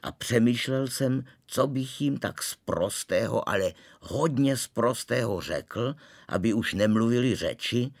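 A man reading a storybook aloud in a calm, wry, measured way, narrating as a young boy. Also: mid-range voice. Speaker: reader.

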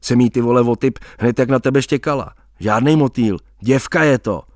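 A man voicing a rowdy, crude, drunk young rocker who swears and talks loudly. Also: mid-range voice, no echo, clean studio sound, lightly acted. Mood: contemptuous. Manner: loud, coarse, swearing.

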